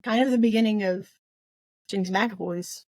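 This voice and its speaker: In a dry recording, a female book podcast co-host at medium pitch and a moderate pace, her voice a little mellow, thinks aloud and rambles a little during a casual chat about books.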